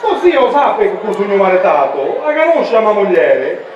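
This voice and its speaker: Very high-pitched, simple Sicilian villager. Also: male voice, sing-song, moderate pace, dull audio, a crowd in the background. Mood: nervous, confiding. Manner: repetitive verbal tic, pleading. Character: simple-minded eager married villager longing for a son. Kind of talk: amateur dialect stage comedy. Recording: very echoey hall from far off, audience.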